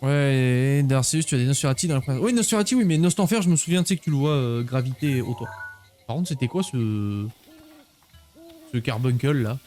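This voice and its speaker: Un homme qui commente sa partie de jeu vidéo de façon décontractée, joueuse et pleine d'exclamations. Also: male voice, medium pitch, expressive, brisk, darkish tone. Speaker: video game streamer. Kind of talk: casual gameplay commentary.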